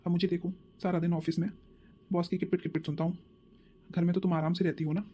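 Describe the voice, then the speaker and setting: A woman's voice: lowish voice, little pitch movement, quick pace, mellow, pitched below the performer's own voice, lightly acted. A woman voicing a tired office-going husband in a cartoon, talking in a weary, complaining way. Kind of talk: cartoon voice acting.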